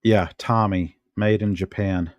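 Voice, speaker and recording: This is a casual at-home show-and-tell vlog by a middle-aged man from the US who muses to himself without rushing while handling objects. His low voice keeps fairly even intonation; the recording has no echo but its highs are cut off.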